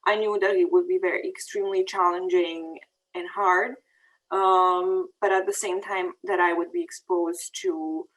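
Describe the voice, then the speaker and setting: Speaking a little slowly in a steady, lowish voice, this peace fellow presents over slides on a rough recording. She is in her thirties and from Bosnia and Herzegovina, and her prepared talk is full of ums and restarts.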